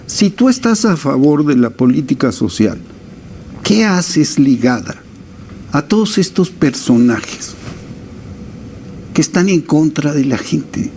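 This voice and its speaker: A man's voice: a little high, expressive, slow pace, pauses often, darkish tone, slight background noise. A man, a producer in a heated debate, firing off confrontational rhetorical questions. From Mexico.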